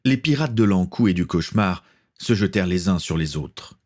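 A man reading a pirate adventure story aloud, steady and dramatic. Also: low-pitched, normal speed. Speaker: narrator. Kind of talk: storybook narration.

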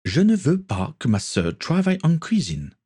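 A haughty young nobleman, as a male narrator plays him, stiff with offended pride. The voice sits high and strained above the reader's own low register. A breathy, husky edge remains underneath. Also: wildly swooping pitch, normal speed, warm tone, exaggerated voice. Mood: indignant. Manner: indignant, prickly. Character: haughty young nobleman, brother of a count's daughter.

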